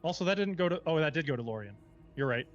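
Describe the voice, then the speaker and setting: A man's voice: a little high, lively intonation, fast, lo-fi sound, soft background music. A man running a tabletop game as game master, moving between scene narration and casual table talk.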